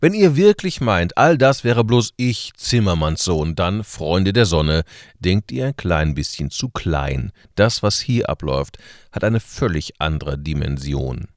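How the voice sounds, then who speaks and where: Man putting on a brash modern Jesus, cocky, slangy, lowish voice, dry sound. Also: very animated, measured pace, no echo, full character voice. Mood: defiant. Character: brash modern-day Jesus, self-assured young man.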